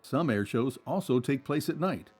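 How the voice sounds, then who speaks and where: A man's voice: mid-range voice, animated, moderate pace, darkish tone, soft background music. A man reading scripted documentary narration in a polished, explanatory way.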